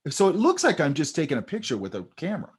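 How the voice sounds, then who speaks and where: A man's voice: on the high side, quick pace, slightly rough. Guy chatting through a drawing lesson, voice jumps around a lot, tells stories. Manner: animated, storytelling, talks over drawings. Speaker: art instructor. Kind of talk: casual teaching chat.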